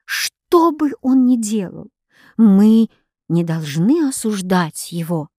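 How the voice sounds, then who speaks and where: A woman voicing a timid, gentle girl who is the tearful older sister, pleading softly in an audiobook. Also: medium pitch, animated, takes it slowly, no echo, studio quality. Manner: soft pleading.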